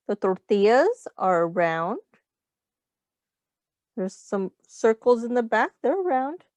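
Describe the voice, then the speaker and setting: A woman's medium-pitched, slightly mellow voice carries a picture book reading for small children, with simple explanations and pauses for questions. No echo is heard.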